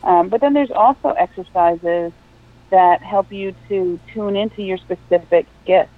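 Over a thin, phone-like line, a middle-aged woman speaks as an interview guest. Her voice is medium in pitch and she explains things conversationally. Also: a little slow, no echo. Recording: tinny phone-line sound.

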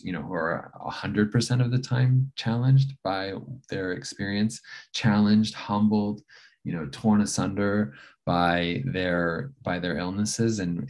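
This middle-aged man has a deep, slightly mellow voice and is a palliative care physician. Giving a thoughtful interview, he often uses fillers and restarts his sentences.

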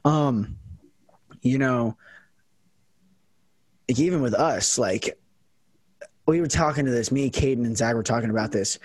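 A man's voice: mid-range voice, unhurried, pauses often, a little mellow, no room sound. A young man hosting a casual podcast chat, rambling with lots of fillers and restarts. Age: young adult. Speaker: podcast host and college football kicker.

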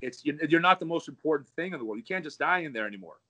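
A man's voice: on the high side, expressive, rapid-fire, pushed and bright, low-quality recording. A jiu-jitsu coach talking in a casual chat, reflective and repeating words as he searches for them.

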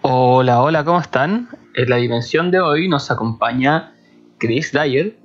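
A man's voice: medium pitch, unhurried, muffled recording, soft background music. A man hosting his own podcast, introducing a guest he admires and chatting with enthusiasm. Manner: eager, enthusiastic, warm fan. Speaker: podcast host. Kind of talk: casual podcast intro and interview.

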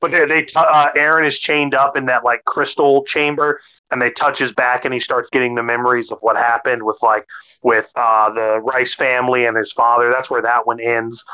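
A man co-hosting a casual podcast chat, excitable, swearing freely and stumbling over his words. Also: medium pitch, normal speed, dull audio. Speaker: podcast co-host.

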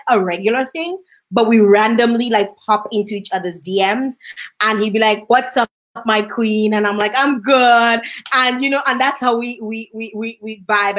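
Hosting a casual interview, this woman from Dominica speaks with a Dominican accent in a mid-range voice. She's bubbly, laughs easily, and slips into Creole phrases.

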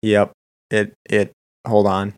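Young man, lowish voice, dry teasing podcast co-host. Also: monotone, slow, a crowd in the background. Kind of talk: casual chat.

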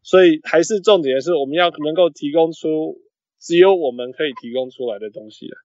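Higher-voiced man mixing English into Mandarin. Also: a little fast, a little mellow. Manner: mixes English phrases into Mandarin; hesitant, repeats words while searching for terms. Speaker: podcast host. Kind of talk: casual sports podcast chat. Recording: muffled, roomy lo-fi podcast audio.

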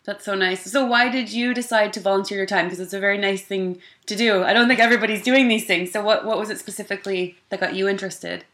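A woman's voice: mid-range voice, fairly even intonation, fast talker, hardly any pauses, fairly bright tone. Friendly woman podcast host. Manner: friendly, chatty, encouraging. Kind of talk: casual interview chat.

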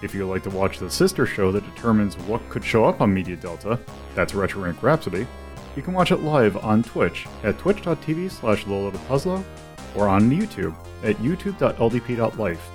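A man hosting a casual podcast, talking in a relaxed, rambling way with plenty of fillers. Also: on the low side, fairly quick, faint music behind. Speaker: podcast host. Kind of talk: casual chat.

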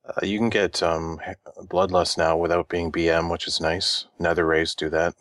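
Man, low flat voice, matter-of-fact, hesitant fillers, dry sound. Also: moderate pace, no room sound. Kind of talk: casual gaming podcast chat.

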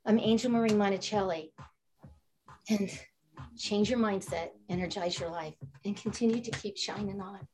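A woman's voice: medium pitch, steady tone, moderate pace. A woman author speaking on a panel, giving an upbeat, inspirational motivational talk.

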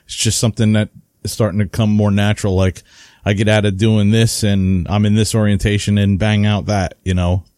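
A hobby podcast co-host talks a little fast in a smooth, fairly low voice, rambling through animated stories with lots of fillers in casual chat. The sound is clean studio audio with no echo.

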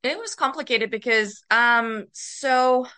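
A middle-aged woman with a Bulgarian accent, a podcast guest who is an author and writing coach, answers interview questions casually. Her voice is bright, smooth and a little high, and she speaks slowly and hesitantly with a giggly manner.

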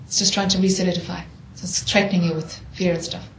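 A woman's voice: fairly low pitch, level tone, quick pace, a little hiss or hum. A woman leading a spiritual question-and-answer dialogue, probing and often affirming. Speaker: spiritual discussion leader. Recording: echoey room.

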